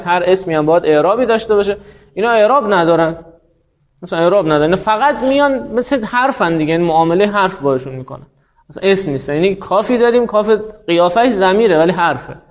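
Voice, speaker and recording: A man with a high-pitched voice teaches a grammar lesson in a patient, explanatory way, pausing to draw out example words slowly. The recording sounds dull and lo-fi, with little top end.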